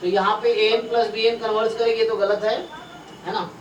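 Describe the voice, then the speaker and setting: A man's voice: sits high, level tone, normal speed, dull audio. A man teaching a math exam-prep class, thinking aloud and repeating himself as he works through problems. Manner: explains in mixed Hindi and English, thinks aloud, repeats himself. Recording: roomy, distant mic with faint noise.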